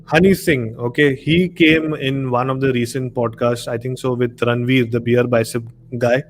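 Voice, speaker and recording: Hosting a relaxed live stream chat, this Indian-accented man tends to ramble and repeats words to stress his points. He speaks in a mid-range voice at a moderate, steady pace, with faint music behind him. The recording carries audible background noise and room ambience.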